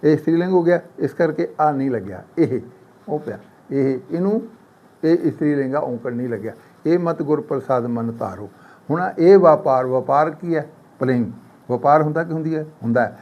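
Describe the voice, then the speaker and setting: A man teaching scripture grammar. He recites quoted lines slowly, then explains them and asks and answers his own questions. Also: a little high. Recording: slightly dull, lo-fi sound.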